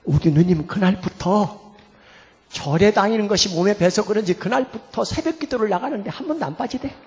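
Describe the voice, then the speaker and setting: A middle-aged man preaching as a pastor, telling a family story in a lively sermon that swings from hushed to loud. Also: sits high, fairly quick. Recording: long hall reverb, faint music behind.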